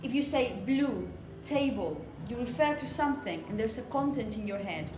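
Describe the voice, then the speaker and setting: At normal speed and with lively intonation, a woman whose voice is on the high side teaches phonetics to a class, highlighting example words and checking in with frequent questions. Background noise and echo fill the indoor classroom recording.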